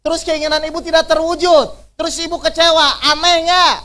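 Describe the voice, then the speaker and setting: Man, high voice, preacher, interactive lecture, keeps firing questions at the audience. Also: little pitch movement, a little fast, pushed and bright. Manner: repeats key phrases to drive points home. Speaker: Islamic preacher. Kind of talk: interactive religious workshop lecture.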